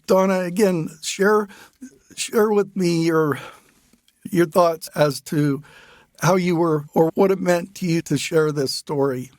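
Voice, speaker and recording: Speaking slowly in a slightly high voice with no room sound, this older podcast host and writer chats through a laid-back interview. Good-humored and warm, he laughs readily and frequently starts his phrases over.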